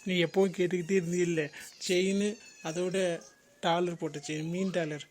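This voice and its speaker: A man's voice: high-pitched, flat delivery, moderate pace, a little mellow, a little hiss or hum, lightly acted. A man voicing Santhosh, a playful, mocking young husband in a cartoon, joking at his wife's expense. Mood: affectionate.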